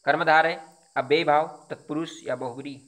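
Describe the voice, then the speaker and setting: A man's voice: on the high side, fairly even intonation, fairly quick, fairly bright tone. A man teaching Hindi, going through exam questions one by one, explaining each answer with repetition and rhetorical questions. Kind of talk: exam quiz lesson.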